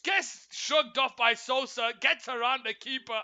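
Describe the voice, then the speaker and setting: High-pitched, bright man commentating live football. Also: unhurried. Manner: repeats phrases and addresses viewers with rhetorical questions. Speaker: football watchalong livestream host. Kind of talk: excited live football commentary to stream viewers.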